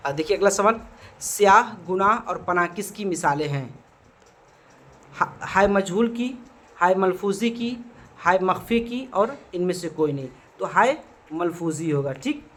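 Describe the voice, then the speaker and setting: A man's voice: sits high, expressive, a little slow, a bit bright. A male teacher going through exam multiple-choice grammar questions, asking questions and answering them himself, checking in with the class often. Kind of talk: exam prep grammar lesson.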